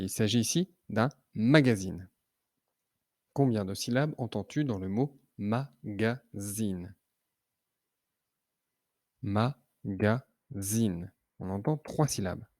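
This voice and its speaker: A man gives a children's reading lesson, pronouncing each syllable slowly and with great care. His voice is rather low and is recorded very dry, with no room sound. He asks simple questions in the patient tone of a teacher. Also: darkish tone, no room sound. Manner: slow, clearly articulated syllables.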